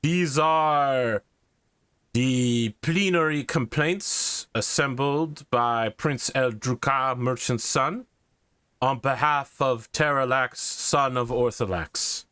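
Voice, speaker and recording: A man voicing an imperious hobgoblin envoy in a tabletop fantasy game, proclaiming formally and ceremoniously at a slow pace. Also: medium pitch, pushed and bright, smooth, dry recording, studio quality.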